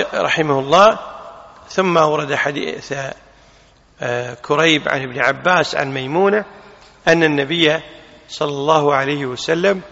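A man giving a religious lesson, explaining a text in a measured way and slowing down to stress the forms of words. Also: fairly high pitch, creaky, pushed and bright. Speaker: religious teacher. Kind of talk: hadith lesson commentary. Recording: muffled recording with long hall reverb.

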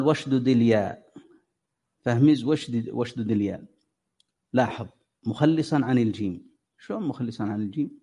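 A man's voice: medium pitch, warm tone. A man teaching Quran recitation, patiently drawing out sounds as examples and quizzing his students. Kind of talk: classroom lesson on tajweed. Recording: dull lo-fi recording.

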